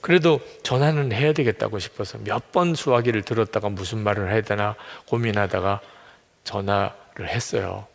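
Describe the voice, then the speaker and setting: A man's voice: on the low side, normal speed, gravelly. A man preaching as a pastor. He tells a story and changes his voice when he quotes other people. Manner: retells a story, switching voices for quoted speakers. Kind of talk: sermon, storytelling. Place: church sanctuary. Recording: long reverb of a church hall.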